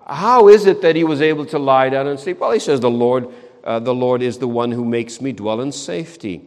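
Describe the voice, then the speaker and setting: A man preaching a sermon in an earnest way, repeating words for emphasis and slowing down on key phrases. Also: fairly high pitch, big-room sound. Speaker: pastor.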